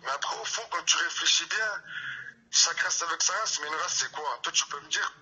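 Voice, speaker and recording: Male phone-in caller, Paris suburban accent, very raspy and sharp-edged, casual French street slang over a telephone line. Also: fairly high pitch, brisk. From Paris suburbs, France. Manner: French street slang, repeats checking tags. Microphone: phone call. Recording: muffled, harsh telephone line.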